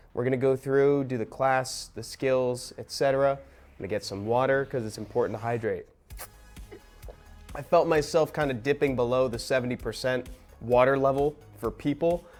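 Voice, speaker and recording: A young man hosting a casual game live stream, chatting excitedly while eating and talking with his mouth full. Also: medium pitch.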